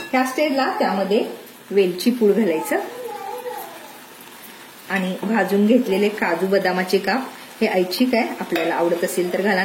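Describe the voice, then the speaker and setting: A woman hosting a cooking channel, calmly walking through a recipe step by step in a home kitchen. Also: medium pitch. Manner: calm, step-by-step instructive. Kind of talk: recipe narration. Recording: echoey kitchen, faint noise.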